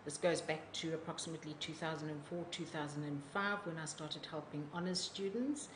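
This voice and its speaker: Middle-aged woman, deep voice, calm and factual, echoey lab hiss. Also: brisk. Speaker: parasitologist. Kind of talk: interview statement. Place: laboratory indoors.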